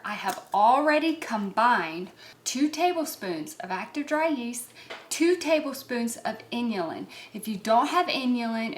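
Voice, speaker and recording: Woman, cooking host, chatty, reassuring, upbeat, home kitchen, higher pitch. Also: a little hiss or hum. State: slightly out of breath.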